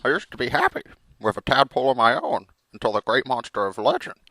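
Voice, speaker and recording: A man voicing a melodramatic, vengeful frog hero in theatrical comic storytelling, with a gravelly cartoon-like voice. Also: medium pitch, lively intonation, quick pace, sharp tone, no room sound, rough recording. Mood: mournful storytelling. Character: melodramatic, vengeful male frog hero telling his journey.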